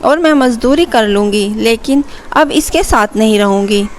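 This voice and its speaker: A woman voicing a stubborn, angry elderly mother-in-law who scolds harshly, in a slow, fairly high storybook reading. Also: slight background noise, natural voice.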